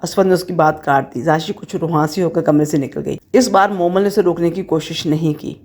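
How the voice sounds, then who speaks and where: A woman reads a novel aloud as an audiobook narrator. Her voice sits low and mellow, with a steady, even delivery.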